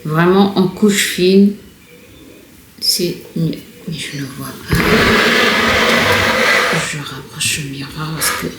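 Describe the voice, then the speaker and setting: A woman's voice: low voice, slow, long pauses. A woman vlogging casually at home, talking in a chatty, hesitant way with many fillers and restarts. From Congo. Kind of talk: casual vlog chat. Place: room at home. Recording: echoey home room, faint background noise.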